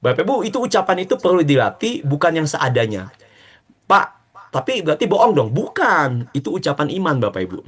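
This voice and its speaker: A man giving a lively motivational talk to network marketing members, urging them on and acting out short dialogues. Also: fairly high pitch, breathy edge. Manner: animated and exhortative, acting out quick dialogues.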